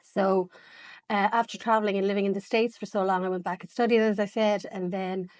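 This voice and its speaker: A woman's voice: medium pitch, level tone, a little fast, no room sound, clean studio sound. Chatty Irish woman in her forties. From Cork, Ireland. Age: 40s. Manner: chatty, lots of likes and restarts. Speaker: guest, makeup artist. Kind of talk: casual interview chat.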